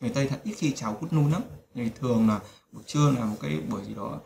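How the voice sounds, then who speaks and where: A man's voice: medium pitch, racing, gravelly, a little mellow, a little hiss or hum. A man teaching a spoken language lesson, repeating phrases and reminding listeners to remember them. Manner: repetitive, drills phrases and keeps telling listeners to remember. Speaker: English teacher. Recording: roomy echo.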